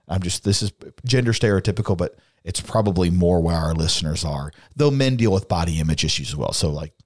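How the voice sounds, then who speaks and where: A man's voice: low-pitched, darkish tone, no echo, clean studio sound. A man who is a therapist, talking earnestly on a podcast and thinking aloud with frequent restarts. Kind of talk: casual podcast discussion.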